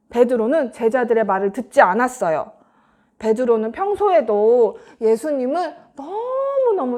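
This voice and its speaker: A woman telling a Bible story to children in an animated, expressive way, often asking them questions. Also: fairly high pitch. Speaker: children's ministry teacher.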